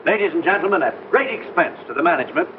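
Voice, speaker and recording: A man's voice: on the high side, expressive, very fast, lightly acted. A man playing a genial showman in an old film, making hesitant, jocular announcements. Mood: jocular announcing. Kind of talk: old film drama acting. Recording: noisy, dull old film soundtrack, crowd behind.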